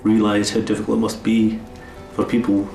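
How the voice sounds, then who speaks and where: A man's voice: on the low side, monotone, moderate pace, creaky, a little mellow, reverberant, faint music behind, low-quality recording. A middle-aged Scottish man talking plainly and earnestly about his time away from home. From Scotland. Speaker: undercover newcomer looking for work. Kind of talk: casual chat and reflective talk.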